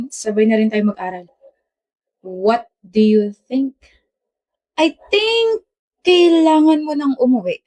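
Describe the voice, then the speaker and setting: A woman trading teasing, bickering lines in a romantic short drama. Her voice sits somewhat high, and she moves between playful jabs and softer moments. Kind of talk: Filipino short drama dialogue.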